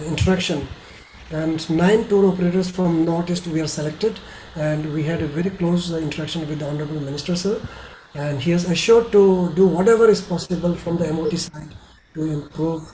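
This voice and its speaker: Middle-aged male presenter, Indian accent, hesitant delivery, dark soft tone, faint call noise. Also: on the high side. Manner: halting, hesitant. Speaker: tour operator presenting. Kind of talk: informal webinar presentation. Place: small bedroom indoors, video call. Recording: slightly noisy video call.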